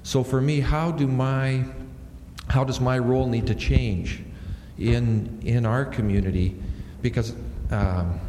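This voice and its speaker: A man's voice: medium pitch, fairly even intonation, slow pace, warm tone. A man, a senior minister, speaking reflectively on a panel and thinking aloud with restarts into a handheld microphone. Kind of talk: panel discussion. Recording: echoey hall with faint noise.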